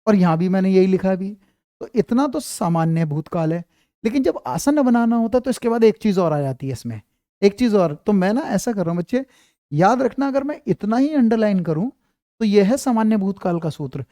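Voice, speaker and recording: A man teaching Hindi grammar in an online class, slowly repeating example sentences and speaking into a clip-on mic. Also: high voice, expressive, dark tone, no room sound, clean studio sound.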